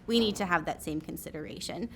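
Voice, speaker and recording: Low-voiced woman giving earnest public comment. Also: fairly bright tone, a little hiss or hum. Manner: measured and earnest, with some restarts. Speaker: public commenter at a county zoning hearing. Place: county commission chamber at a podium.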